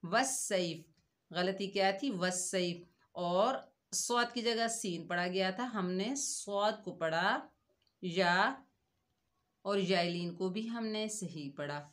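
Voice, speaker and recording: A woman's voice: mid-range voice, fairly bright tone. A woman teaching Quran recitation rules in a tajweed lesson, drawing out the words she recites and asking the listener questions as she explains. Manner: slow, drawn-out recitation contrasted with explanation.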